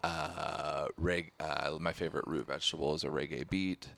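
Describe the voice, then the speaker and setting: A man with creaky vocal fry, riffing off the cuff in casual, halting joking banter. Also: rumbling low, fairly even intonation, fairly bright tone, no room sound.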